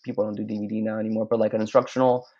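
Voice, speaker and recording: A man from Mexico who owns a clothing brand chats casually as a podcast guest, rambling with frequent restarts and stammered repeats. His mellow voice is fairly low in pitch, with little pitch movement and a very fast pace. The recording has a slightly dull lo-fi sound.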